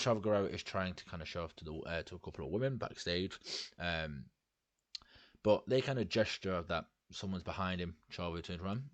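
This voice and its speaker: A man with a very low, deep voice talks through a wrestling management game in a loose, rambling way, dropping swear words as he goes. His voice sits dry and close, with no room sound. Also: dry recording. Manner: rambling, casual, swears freely. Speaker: let's play host.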